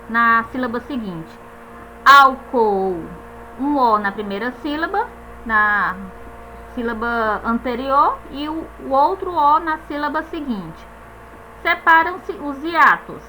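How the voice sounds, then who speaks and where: A woman teacher explains grammar rules in a high, bright, sharp voice. She stresses each example word slowly, spells out its letters one by one, and keeps checking in with short questioning tags. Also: slight background noise, rough recording.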